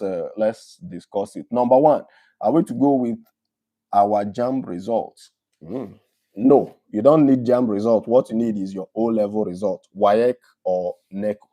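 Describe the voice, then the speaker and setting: A Nigerian man hosts a live stream Q&A, reading viewer questions aloud and answering them one by one. His voice sits low and sounds mellow and dark. He talks in an easy, conversational way.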